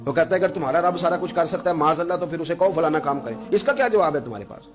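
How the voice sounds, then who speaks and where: A man's voice: a little high, lively intonation, rapid-fire. Impassioned male preacher over music. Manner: impassioned, rising to emphatic peaks. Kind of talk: Islamic sermon with storytelling.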